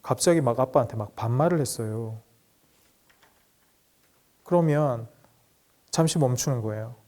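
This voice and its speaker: A man's voice: mid-range voice, a little slow, warm tone. A man giving an interactive lecture to fathers, prompting the audience to repeat after him and acting out example talks with children. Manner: acts out example dialogues to children.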